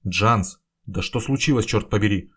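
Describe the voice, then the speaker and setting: Male reader doing an older man, hoarse, alarmed, loud, low-pitched. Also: normal speed. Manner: urgent shouting. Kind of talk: audiobook character voice.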